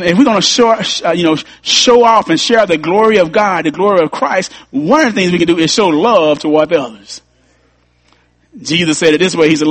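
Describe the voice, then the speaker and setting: A man's voice: sits high, fairly bright tone, no room sound. A man preaching a sermon as pastor, repeating key lines and rising to emphatic peaks.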